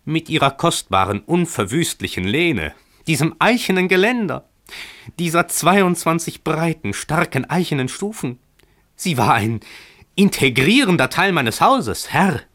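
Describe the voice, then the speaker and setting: A man's voice: lowish voice, lively intonation, normal speed, bright, forceful tone. A man voicing a furious old landlord who screeches and splutters with outrage in a radio story reading.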